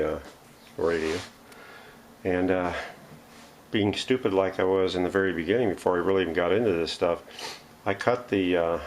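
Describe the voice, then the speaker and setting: A deep-voiced man who runs a vintage radio restoration channel does a casual, unscripted show-and-tell from his workshop, folksy and quick to poke fun at himself. The camera mic at home picks up slight background noise indoors.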